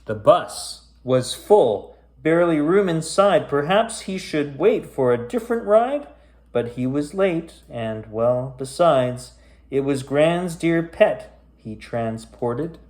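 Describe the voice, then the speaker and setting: In a roomy, echoey recording, a man dramatically reads a kids' bedtime storybook, stretching out lines theatrically for suspense and adding casual asides. His voice sits on the high side, animated and a little mellow.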